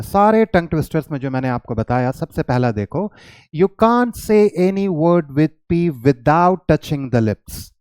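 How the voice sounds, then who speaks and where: A man teaching English pronunciation, explaining patiently in Hindi mixed with English and slowing right down to demonstrate tongue twisters. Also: a little high, a little mellow, no echo. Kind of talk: spoken lesson mixing Hindi and English.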